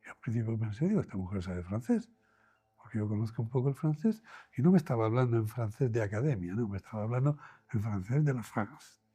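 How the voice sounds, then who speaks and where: A man's voice: mid-range voice, fast, slightly rough. A man from Spain, a doctor, telling his own experience in an interview, acting out dialogue as he speaks. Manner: animated storyteller, acts out dialogue in quoted voices. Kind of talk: storytelling in an interview.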